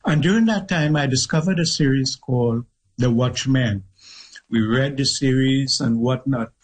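Man, middle-aged, Trinidadian accent, husky, measured and thoughtful, interview guest. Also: medium pitch, poor audio. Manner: measured, thoughtful, with pauses and restarts. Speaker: guest author. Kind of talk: reflective interview storytelling.

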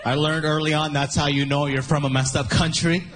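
A man from Sudan doing an animated stand-up comedy set on a festival stage, playing to a laughing audience. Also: fairly quick. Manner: animated, jumps high for impressions. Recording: live show with crowd noise.

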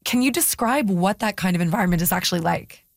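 A woman's voice: lowish voice, fast talker, no echo, clean studio sound. A woman interviewing a guest, curious and loose, with many fillers. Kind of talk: interview conversation.

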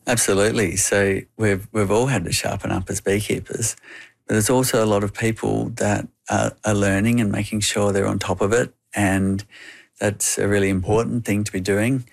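A man's voice: on the low side, level tone, normal speed, creaky. An Australian man explaining things as an interview guest, speaking as an experienced beekeeper.

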